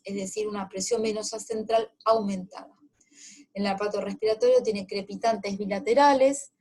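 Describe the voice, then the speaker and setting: Woman, medical lecturer, clear explanatory delivery that speaks straight to the students. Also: a little high, darkish tone. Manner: explanatory, addresses students directly with reminders. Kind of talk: clinical case lecture.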